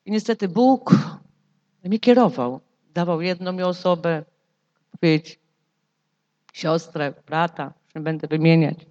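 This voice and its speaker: A middle-aged woman giving a personal testimony in church, halting and emotional, often repeating her phrases. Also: lowish voice, mellow, highs cut off.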